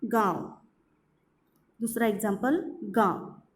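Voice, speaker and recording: A woman teacher giving an online grammar lesson, explaining slowly and repeating her examples, with English words mixed into her Hindi. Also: medium pitch.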